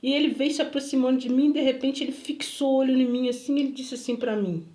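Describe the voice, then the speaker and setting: A woman gives an emotional testimony, drawing listeners in and repeating phrases for weight. Her voice sits on the higher side and echoes around the room. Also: steady tone, fast talker, dark tone. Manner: dramatic, addresses listeners directly, repeats phrases. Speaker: person giving a testimony.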